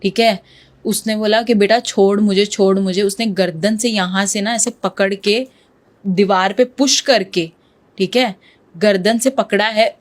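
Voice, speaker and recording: A woman's voice: mid-range voice, steady tone, unhurried. A woman guest in an interview, telling a true ghost story in a vivid way and slipping English words into her Hindi. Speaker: podcast guest.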